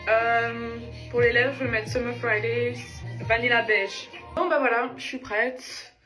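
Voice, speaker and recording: A woman's voice: a little high, steady tone, measured pace, music in the background, poor audio. A young woman from Monaco, chatting casually in slangy speech while getting ready on her vlog. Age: young adult. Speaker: vlogger. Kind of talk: casual get-ready-with-me chat.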